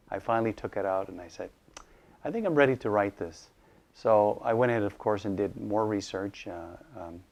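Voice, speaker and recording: Low-voiced author, hesitant and thoughtful. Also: male voice, darkish tone. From Iraq. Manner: thoughtful, hesitant with many fillers and restarts. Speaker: author and educator. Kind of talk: casual interview monologue.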